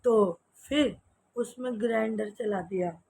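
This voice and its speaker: A woman with a hoarse, husky voice, hoarse from a cold and sleepy. She talks slowly, in a fairly high voice, as she chats casually in her kitchen late at night. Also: dark tone. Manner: chatty, tired and sleepy. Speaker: vlogger. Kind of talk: casual vlog chat.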